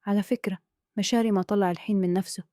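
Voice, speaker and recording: A woman with a Kuwaiti accent voicing a calm, scheming man who speaks in a hushed, persuasive way. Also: mid-range voice, rapid-fire, dry recording, studio quality, close to an everyday voice. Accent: Kuwaiti Arabic.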